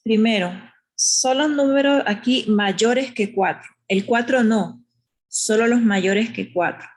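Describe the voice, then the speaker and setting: Speaking slowly in a higher voice, a woman patiently walks through a math lesson step by step. She uses diminutives and keeps checking in with "¿verdad?".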